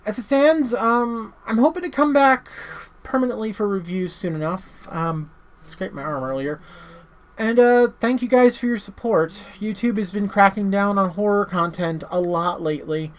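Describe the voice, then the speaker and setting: Speaking at an ordinary speed in a voice that sits high, the host of a horror movie review channel delivers an informal, off-the-cuff review. He wanders from point to point, stumbling over words and breaking into his own sentences.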